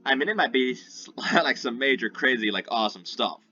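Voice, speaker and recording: A man's voice: medium pitch, animated, brisk, pushed and bright. A man giving rambling gameplay commentary as a gaming YouTuber, often checking in with "right?". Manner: rambling, keeps asking "right?". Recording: dull lo-fi sound with faint music.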